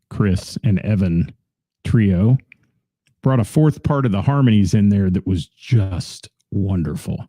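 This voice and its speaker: Gravelly, dark-voiced male radio host. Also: lowish voice, no room sound, clean studio sound. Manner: chatty and rambling, self-deprecating. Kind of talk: casual radio chat reading listener comments.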